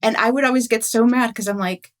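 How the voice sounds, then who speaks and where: A woman's voice: a little high, steady tone, fast talker. A woman in her fifties, a podcast host, who talks openly and laughs often while interviewing. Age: 50s. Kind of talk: casual interview talk.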